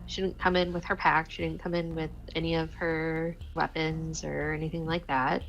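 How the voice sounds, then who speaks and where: A woman's voice: deep voice, level tone, normal speed, vocal fry. A woman casually narrating her character's actions as a player in a tabletop game, on a dull recording.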